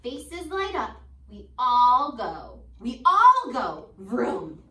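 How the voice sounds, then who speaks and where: Reading to young children in a school classroom, a preschool teacher in her twenties speaks on the high side and stretches out her words in an animated, sing-song style. She asks questions and waits for replies, and the camera a few metres away gives the audio a distant, echoey quality.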